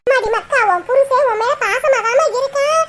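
A woman's voice: very high-pitched, a little fast. A woman voicing a doting, fretful mother in a cartoon, lamenting and soothing in Kanyakumari Tamil. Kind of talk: cartoon voice acting.

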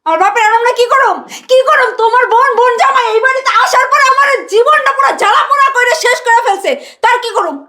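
An actress playing a young wife who wails and complains tearfully in a short village drama. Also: female voice, extremely high pitch, fast talker, hardly any pauses, sharp tone. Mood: upset. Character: young wife, wailing and defiant. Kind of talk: Bangladeshi short drama acting.

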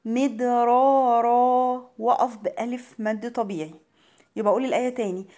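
A woman with an Egyptian accent and a fairly high, mellow voice, teaching recitation. She stretches each chanted verse out slowly and carefully, then switches to brisk, patient explanations of the pronunciation rules. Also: husky. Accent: Egyptian Arabic. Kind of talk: tajweed lesson, slow chanted recitation between quick explanations.

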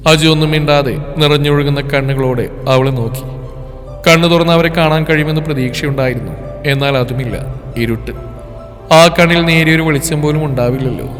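A man narrating a scripted story in a slow, soft, tender way. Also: a little high. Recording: long reverb with faint music.

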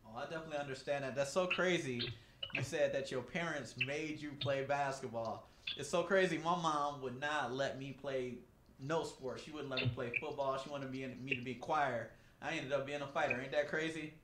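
A man in his forties hosts a relaxed interview into a desk mic, upbeat and chatty, often restarting his questions. His voice sits mid-range and rings around a small, echoey studio. A clear layer of background noise sits under him. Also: mid-range voice, moderate pace. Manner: upbeat, repeats himself, many fillers. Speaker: podcast host. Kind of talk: casual interview. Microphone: desk mic on a stand.

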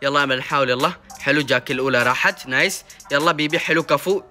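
Fast, bright young man commenting on gameplay. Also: a little high, faint music behind. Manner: fast excitable chatter, sing-song cheering and groaning. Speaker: gaming YouTuber.

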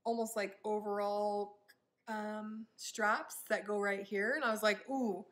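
A woman's voice: mid-range voice, steady tone, a little slow, fairly bright tone. A young woman chatting casually in a try-on haul vlog, upbeat and rambling with frequent ums. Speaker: vlogger.

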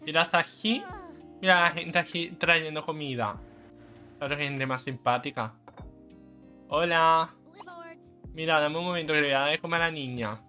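A young man giving playful, cheeky let's play commentary, swearing freely and bursting into excited shouts. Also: fairly high pitch. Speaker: gaming YouTuber.

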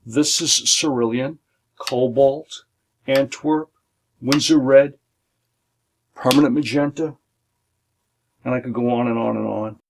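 A middle-aged man, an art instructor, calmly and methodically walks through his painting supplies, listing them one by one. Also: medium pitch, slow pace, pauses often, a little hiss or hum. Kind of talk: instructional demonstration. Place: home art studio, indoors.

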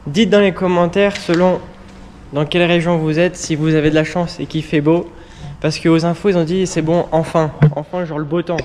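In this casual how-to vlog, a man addresses his viewers directly while fixing a car outside in the rain, chatty and packed with fillers. His voice sits on the high side, a little mellow, steady in tone and at normal speed. A little hiss or hum is audible.

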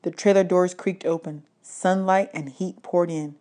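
A teacher reading a novel aloud, with a slow, measured and expressive delivery. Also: female voice, fairly low pitch. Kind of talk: audiobook read-aloud.

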